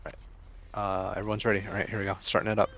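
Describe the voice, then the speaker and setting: A man's voice: fairly low pitch, flat delivery, fast talker, a bit bright, slight background noise. A man leading a raid in an online game, giving casual callouts to his team over voice chat. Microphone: gaming voice chat microphone.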